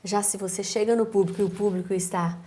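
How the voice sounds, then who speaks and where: A woman with a Brazilian accent, a speech therapist giving a calm, didactic explanation in a TV interview, with measured pauses. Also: medium pitch. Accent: Brazilian Portuguese.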